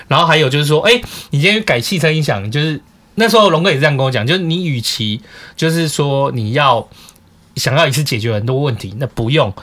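A man hosting a podcast, chatting casually and acting out conversations as he tells a story. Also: mid-range voice. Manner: animated, quoting people in dialogue. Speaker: podcast host.

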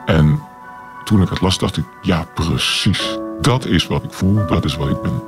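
A man in his forties being interviewed on radio, his voice disguised by a deep pitch-shift distortion. He talks hesitantly and deliberately, with many filler sounds. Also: lively intonation, over music. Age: 40s. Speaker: anonymous interviewee.

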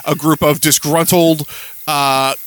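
A man's voice: fairly high pitch, flat delivery, slow, fairly bright tone. A man co-hosting a podcast, talking politics in an emphatic, sarcastic way. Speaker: podcast co-host. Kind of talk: casual political chat.

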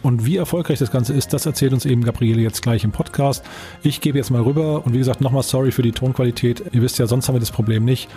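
A man's voice: medium pitch, quick pace, mellow, soft background music. A man speaking as a podcast host in a casual, conversational style. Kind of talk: casual podcast talk with sponsor read and interview questions. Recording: muffled tinny backup recording in places.

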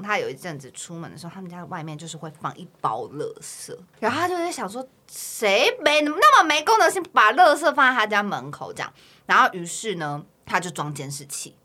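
Low, bright-voiced woman. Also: quick pace. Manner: chatty, animated storyteller. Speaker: podcast co-host. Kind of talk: casual chat.

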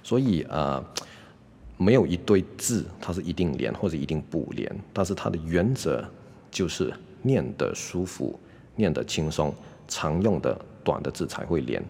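A man giving a casual English lesson, constantly checking in with a quick "OK?" and slowly sounding out example phrases. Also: extremely low pitch, big pitch swings, vocal fry, dark tone, slightly rough, long reverb tail. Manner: demonstrates English pronunciation slowly. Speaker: English teacher. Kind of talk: casual YouTube language lesson.

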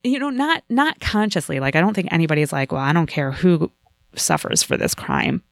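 A woman in casual podcast chat, telling a story in an animated way and acting out the lines of the people in it. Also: low voice, a little fast, dry recording, clean studio sound. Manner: animated storytelling with voiced quotes.

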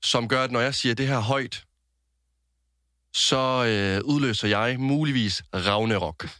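Young male podcast co-host, mid-pitched, halting storyteller full of fillers, dry close sound. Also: pushed and bright, dry recording. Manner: narrates slowly with many hesitant fillers. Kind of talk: casual podcast chat.

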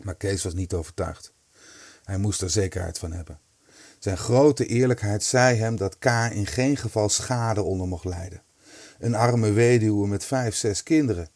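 A man narrating a storybook in a lively, expressive reading. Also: fairly low pitch, measured pace, no echo.

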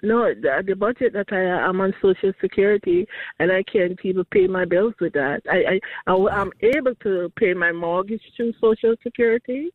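A woman's voice: medium pitch, no echo. An older woman calling in with a money question, speaking hesitantly and restarting her sentences often. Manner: hesitant, halting with many restarts. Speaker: caller. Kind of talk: call-in question. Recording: tinny phone line.

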